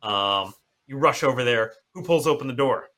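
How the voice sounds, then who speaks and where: A man runs a horror tabletop game as game master. His voice is bright and sits at a middling pitch. He halts often and restarts his phrases as he describes the scene. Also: animated. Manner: halting, many restarts and fillers.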